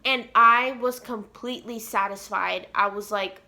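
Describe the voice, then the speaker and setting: Bright-voiced young woman telling a story. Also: mid-range voice, a little slow. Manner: earnest, rambling, many fillers like "like" and "you know"; emotionally animated retelling. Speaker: vlogger. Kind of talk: emotional storytime vlog.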